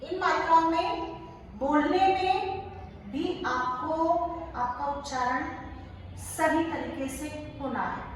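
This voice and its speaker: A woman teacher giving a phonics lesson, spelling English words letter by letter and repeating them slowly. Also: high-pitched, fairly even intonation. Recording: echoey room, far from mic, faint noise.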